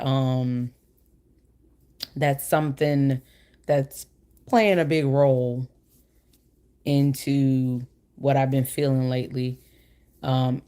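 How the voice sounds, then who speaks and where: Hosting a laid-back livestream chat, this woman has an extremely low pitch and a darkish tone. She rambles in a loose, slang-heavy way, her words a little slurred because of a retainer in her mouth.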